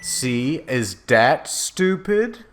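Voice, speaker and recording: A man's voice: medium pitch, big pitch swings, slow pace, pitched above the performer's own voice. A man voicing a whiny, defensive teenage girl writer who drags out her words in petulant indignation.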